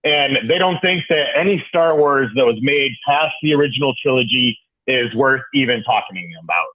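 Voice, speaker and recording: A man joining a casual chat over a remote call through earbuds. His audio is muffled and hollow, like he is talking into a trash can, and he speaks in an unhurried, halting way. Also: medium pitch, expressive. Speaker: podcast guest. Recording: tinny phone-like call line.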